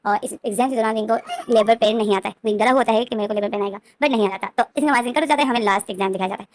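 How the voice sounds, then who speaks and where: Fast-talking woman retelling a story. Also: medium pitch. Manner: rapid, run-on retelling with many fillers and repeats. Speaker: story narrator. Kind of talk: casual storytelling recap.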